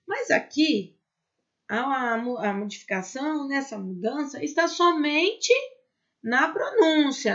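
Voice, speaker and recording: A Brazilian woman teaching a Spanish class, who stretches out example words and keeps checking in with quick tag questions. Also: high voice, a bit bright. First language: Portuguese. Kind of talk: recorded online class. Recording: dull lo-fi sound.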